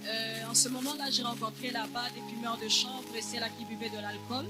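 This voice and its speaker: High-pitched man, live church interpreter, hesitant and halting, music playing behind. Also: flat delivery.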